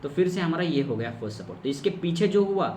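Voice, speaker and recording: A man's voice: on the high side, animated, fast, darkish tone. A man teaching trading strategy on a chart, explaining step by step, repeating key terms and asking himself questions. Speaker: trading course instructor. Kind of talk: screen-recorded chart lesson. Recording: echoey room, distant mic, faint noise.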